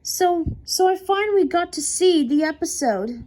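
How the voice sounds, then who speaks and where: Woman narrator, horror story read-out, slow and mellow, stumbles and restarts a lot. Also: very high-pitched, animated. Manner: slow, halting, frequent restarts. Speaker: creepypasta narrator. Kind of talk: unscripted horror story reading.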